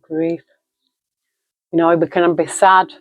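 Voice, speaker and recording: A woman's voice: fairly low pitch, flat delivery, slow, low-quality recording. A woman giving a spoken tarot card reading, reflective and emotional, listing card meanings aloud. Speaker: tarot reader.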